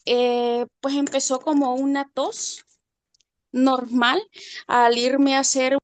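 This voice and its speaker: Guatemalan-born woman on a phone video call. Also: little pitch movement. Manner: hesitant, halting, voice drops low when moved. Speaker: class participant sharing a testimony. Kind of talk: emotional personal testimony.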